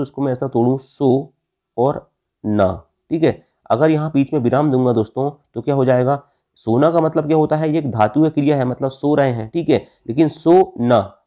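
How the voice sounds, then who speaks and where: A man leads an exam-prep grammar lesson in a warm, mellow tone. He keeps asking "what is it called?" and answers it himself. He repeats each key term so it sticks. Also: mid-range voice. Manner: asks the class questions and answers them himself, addressing "friends"; repeats key terms for emphasis. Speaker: Hindi grammar teacher.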